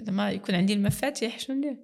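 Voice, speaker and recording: A woman's voice: medium pitch, rapid-fire, vocal fry, a little mellow. A woman with a Moroccan accent, a guest in a casual interview, speaking earnestly and mixing in French words.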